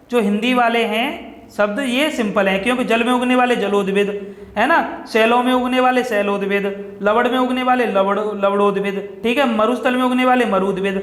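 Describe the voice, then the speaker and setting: A man teaching exam-prep science to viewers, often checking in and asking then answering his own questions. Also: sits high. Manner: repeats "ठीक है दोस्तों" often, asks and answers own questions. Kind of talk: explaining quiz questions to viewers. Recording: echoey room with long reverb.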